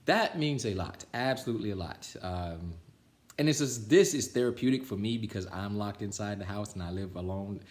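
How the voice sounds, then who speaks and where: With a voice on the low side, lively intonation and normal speed, a man gives an animated reading of a children's storybook. He then chats casually with viewers and signs off, recorded indoors at home in a room with noticeable echo.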